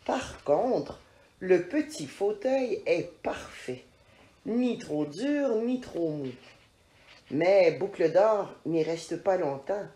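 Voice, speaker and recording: A woman tells a children's story in an expressive, lilting voice, rising and falling freely at an unhurried pace. Her tone is mellow, and the recording has a roomy echo. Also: lowish voice.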